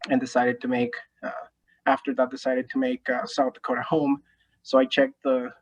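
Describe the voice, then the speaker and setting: Mexican-accented man on a muffled call. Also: mid-range voice. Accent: Mexican Spanish. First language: Spanish. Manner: friendly, restarts and fillers. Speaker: attorney, panelist. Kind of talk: panel self-introduction.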